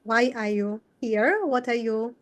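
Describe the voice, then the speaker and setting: A woman hosting an online English workshop who talks directly to her audience and asks brisk, pointed questions. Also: fairly high pitch. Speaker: workshop host.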